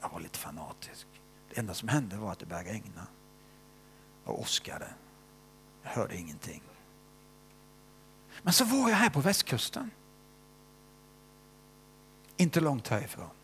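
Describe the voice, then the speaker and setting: An older man preaches and tells his own testimony in a voice with a gravelly, creaky texture. His pitch rises and falls widely, swinging from loud emphasis down to hushed, whispered asides. He keeps tagging short questions onto his sentences, as if checking in with the listeners. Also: very animated, pauses often, slight background noise. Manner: often ends phrases with a questioning "va?". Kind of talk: sermon with personal testimony.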